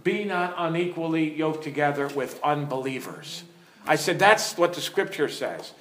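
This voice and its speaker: A man's voice: on the high side, lively intonation, normal speed, fairly bright tone, slight background noise. Earnest pastor man in an echoey room. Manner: earnest, storytelling, asks the audience questions. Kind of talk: teaching sermon with stories.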